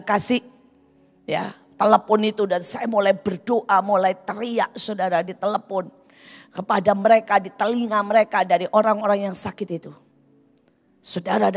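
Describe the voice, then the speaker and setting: Impassioned woman preacher in a reverberant hall. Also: medium pitch. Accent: Indonesian. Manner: impassioned preaching, swinging from loud cries to hushed whispers. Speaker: pastor. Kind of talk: sermon. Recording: long hall reverb with music behind.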